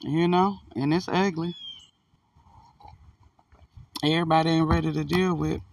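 A man's voice: fairly high pitch, fairly even intonation, brisk, vocal fry, recorded from a distance. A man giving a casual, earnest, folksy motivational chat outdoors, swearing now and then, his speech slightly impaired by a toothache. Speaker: spiritual self-help vlogger.

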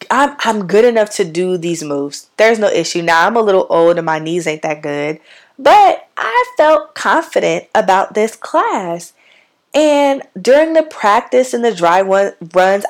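A woman with a raspy, somewhat sick-sounding voice hosts a casual solo podcast. Her pitch sits on the lower side, and she talks bluntly, tossing in slang and emphatic asides. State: sick, hoarse voice. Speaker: podcast host.

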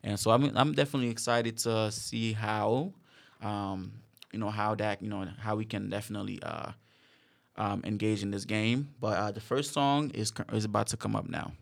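Hesitant male host, low gravelly voice. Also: fairly even intonation, moderate pace. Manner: hesitant, many fillers. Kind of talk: casual interview.

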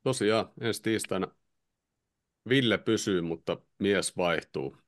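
A man's voice: lowish voice, no echo, studio quality. A man with a Finnish accent hosting a casual podcast chat and wrapping up the episode. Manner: wraps up the show, chatty. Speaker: podcast host.

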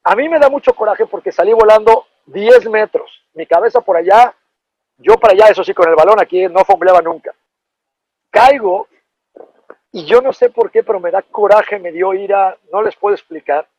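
A man's voice: high-pitched, moderate pace, dry recording, rough recording. A middle-aged man with a Mexican accent, a former football player telling an anecdote in a casual, profane, slangy way. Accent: Mexican Spanish. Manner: animated, profane, slangy storytelling.

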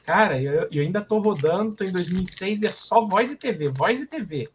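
A man's voice: high-pitched, lively intonation, brisk, a little hiss or hum. A man co-hosting a casual film podcast, muttering repetitively as he looks things up. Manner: muttering while scrolling, repetitive. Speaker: podcast co-host.

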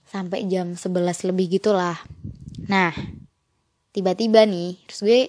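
A woman's voice: fairly low pitch, steady tone, a little slow, a little mellow, no room sound. Chatty young woman, dry close sound. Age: young adult. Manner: chatty, acts out quoted dialogue. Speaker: podcast host. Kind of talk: casual storytelling.

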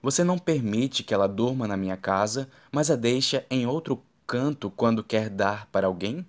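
A man's voice: medium pitch, expressive, moderate pace, close to an everyday voice. A man voicing a jealous, accusing ex-husband in an audiobook, reading his lines in his own plain voice.

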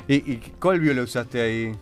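A man's voice: mid-range voice, fast talker, faint music behind. A man hosting a radio show, asking short, eager questions. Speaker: radio host. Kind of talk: casual radio interview chat. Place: radio studio.

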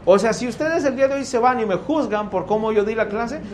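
A man with a Mexican accent teaching a youth Bible class, lively and constantly checking in with his listeners. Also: extremely high pitch, brisk, crowd noise. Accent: Mexican Spanish. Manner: animated, keeps asking "¿sí?" to check his listeners. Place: room with a live class.

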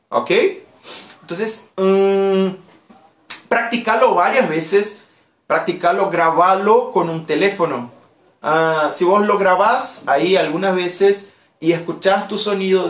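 A language teacher whose first language is Portuguese, giving a live online lesson and repeating phrases patiently and slowly for learners. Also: mid-range voice. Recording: roomy echo.

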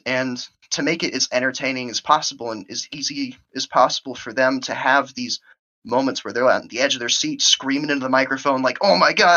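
A woman organizing a gaming tournament, explaining her plans in an animated, casual podcast conversation. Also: rumbling low. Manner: animated, quick bursts of speech. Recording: muffled lo-fi audio.

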